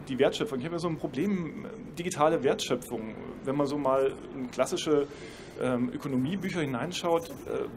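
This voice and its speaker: A man's voice: mid-range voice, noisy background. A man speaking as a professor on a panel, explaining at length with dry ironic asides on a trade fair stage. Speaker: university professor. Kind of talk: panel discussion. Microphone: handheld mic.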